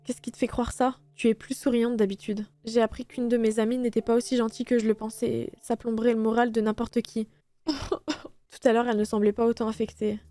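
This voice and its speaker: A woman streamer reading a visual novel game aloud, voicing every character in turn with a lightly animated delivery. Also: on the high side, fairly quick, no room sound. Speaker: let's play streamer.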